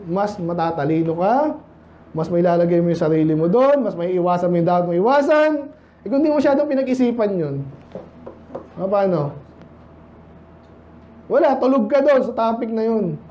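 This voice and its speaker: A pastor from the Philippines giving a conversational sermon, asking many rhetorical questions and reading Bible verses slowly in English. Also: male voice, high voice, warm tone, highs cut off.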